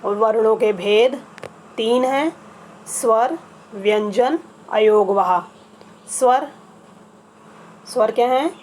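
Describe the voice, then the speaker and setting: A woman's voice: a little high, a little mellow, slight background noise. A woman teaching a grammar lesson to children, explaining patiently and repeating each item one by one. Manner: patient, spells things out slowly with repetition.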